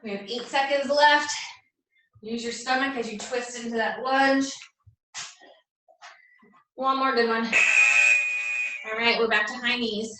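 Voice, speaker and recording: Bright-voiced woman gym coach in an echoey room. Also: on the high side, steady tone, measured pace, long pauses. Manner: gym coach cueing and encouraging. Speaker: fitness instructor leading a circuit workout. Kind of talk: live workout class coaching. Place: echoey indoor room, away from the mic. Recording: echoey room, distant mic, faint noise.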